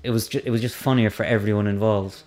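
Man, low-pitched, hesitant, self-deprecating, casual podcast chat. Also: steady tone, fast, a little mellow. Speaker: stand-up comedian.

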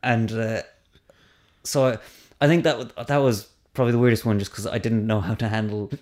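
A man's voice: on the low side, steady tone, fairly quick, darkish tone. A man, a stand-up comedian, chatting casually on a podcast in a hesitant, self-deprecating way, often trailing off mid-sentence.

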